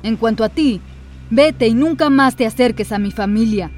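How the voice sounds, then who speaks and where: A woman voicing a stern middle-aged father in an animated story voice-over, speaking in a firm, clipped way. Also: fairly high pitch, normal speed, a little hiss or hum, natural voice. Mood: cold.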